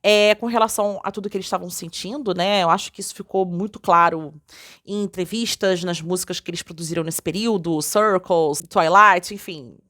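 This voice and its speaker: A woman's voice: lowish voice, fairly even intonation, a little fast, a bit bright, no room sound, studio quality. A woman chatting casually to fans as a vlogger, often tagging her sentences with questions. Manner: chatty, frequent "né?" tags, reads quotes aloud. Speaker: K-pop news vlogger.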